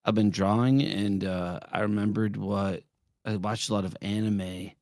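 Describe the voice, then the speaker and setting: A man's voice: lowish voice, steady tone, normal speed, darkish tone, no room sound, clean studio sound. A man in his forties, trading blunt, profane jokes in a casual live-stream chat. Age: 40s. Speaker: streamer co-host.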